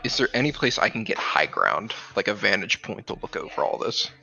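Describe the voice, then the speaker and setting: Bright, gravelly young-sounding player. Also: male voice, lowish voice, sing-song, fairly quick, dull audio, faint music behind. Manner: curious, asks lots of questions. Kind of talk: casual tabletop play.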